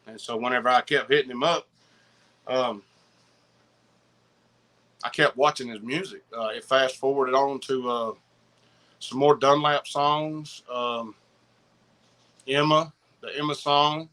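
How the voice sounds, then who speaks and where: A middle-aged man with a Southern US accent chatting casually as a podcast guest, rambling in slang and repeating himself excitedly. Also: mid-range voice, a little slow, long pauses. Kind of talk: casual chat, rambling anecdotes.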